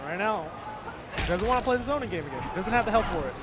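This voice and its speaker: A man's voice: sits high, animated, fast. A man doing live fighting game commentary as an esports caster, calling the play in short phrases.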